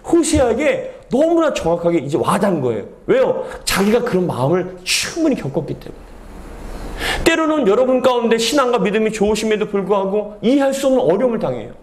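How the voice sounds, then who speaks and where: A man's voice: high-pitched, very animated, a little fast, darkish tone. A man preaching a sermon as pastor, earnestly addressing his congregation and acting out quoted speech. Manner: acts out quoted speech with dramatic voices. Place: church sanctuary. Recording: echoey church hall.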